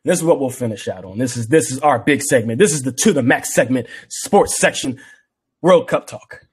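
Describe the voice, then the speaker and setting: A young man co-hosting a podcast, chatting casually and acting out bits of stories with lively swings in voice. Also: medium pitch, moderate pace, husky. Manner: animated storytelling, acts out quotes. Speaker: podcast co-host. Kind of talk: casual chat.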